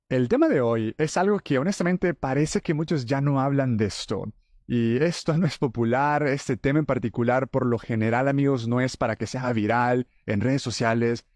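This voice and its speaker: Guy hosting a faith podcast, dark mellow voice, dry close sound, earnest and chatty. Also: mid-range voice, dry recording. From El Salvador. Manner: earnest, conversational preaching. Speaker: podcast host.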